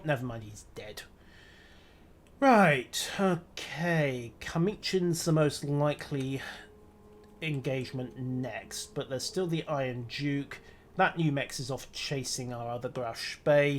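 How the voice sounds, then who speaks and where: With a medium-pitched voice and slight background noise, a man gives live commentary on a naval battle game he's streaming. He talks himself through every move in a dry, wry, muttering way.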